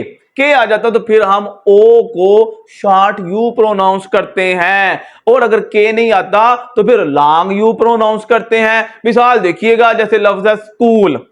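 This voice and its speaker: Male teacher, high voice, unhurried explanations. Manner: slow, explanatory, switching between Hindi-Urdu and English. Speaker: English pronunciation teacher. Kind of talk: explaining rules in a lesson.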